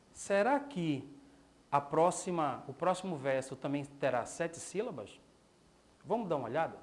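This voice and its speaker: A man teaching a televised school lesson, explaining slowly and asking his class rhetorical questions, with a Brazilian Portuguese accent. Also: high-pitched.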